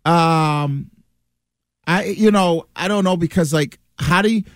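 A man's voice: a little high, slow pace, no room sound, studio quality. An American man, a former player, talking sports casually as a radio panelist, reasoning aloud and often repeating himself.

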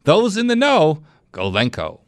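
A man's voice: on the high side, wildly swooping pitch, unhurried, no echo, clean studio sound. A man hosting a radio show, reading a hard sell ad with emphatic, punchy salesman delivery. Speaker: radio host of a home-repair call-in show.

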